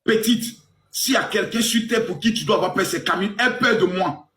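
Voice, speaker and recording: A man in his forties hosting a live stream, crude and teasing, with mock indignation that swings between loud outbursts and low mutters. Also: brisk, roomy sound, slight background noise. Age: 40s. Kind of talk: provocative live stream banter.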